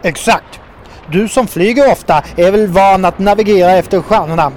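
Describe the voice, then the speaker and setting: A man voicing a boastful, loud male toad sailor with a booming, blustering manner. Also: a little hiss or hum, natural voice. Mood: puzzled.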